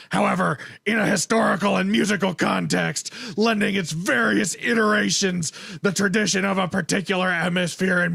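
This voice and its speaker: A man doing a booming mock-epic mega voice. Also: creaky, husky, no echo, exaggerated voice. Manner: slow, declaiming, bursts into shouts. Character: booming over-the-top male "mega voice" orator. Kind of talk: mock-dramatic reading aloud.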